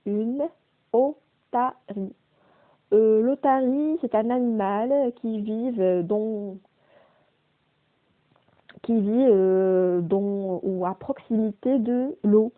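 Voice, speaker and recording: A woman teaching a primary school phonics lesson, slowly repeating and stressing each word's sounds. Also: medium pitch. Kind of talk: slow, deliberate remote phonics lesson. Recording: phone-quality, narrow-band audio.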